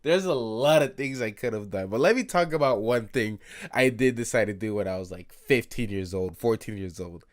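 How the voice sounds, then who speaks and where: A man's voice: on the low side, lively intonation, normal speed. A man in his early twenties hosting an unscripted late-night solo podcast, rambling, self-critical and swearing, with many fillers and laughs. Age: 20s. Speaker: podcast host.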